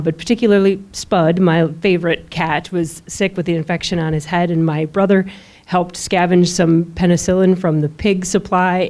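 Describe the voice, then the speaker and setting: A woman telling a personal story as a panel guest, reflective and unhurried with some fillers. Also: lowish voice, a little mellow.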